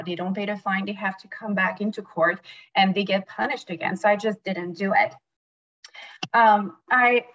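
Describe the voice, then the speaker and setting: A woman's voice: mid-range voice, fairly bright tone. Earnest French-accented woman on a video call. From France. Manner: earnest, emphatic, quick. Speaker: judicial candidate and prosecutor. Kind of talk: campaign speech. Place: indoors, small plain room. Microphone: webcam on a video call. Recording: dull lo-fi video call audio.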